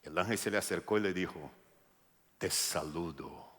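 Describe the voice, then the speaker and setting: A man preaching a sermon as pastor, lively and joking, acting out voices as he reads the story. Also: low-pitched, racing. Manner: lively, jokes, acts out voices. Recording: reverberant church hall.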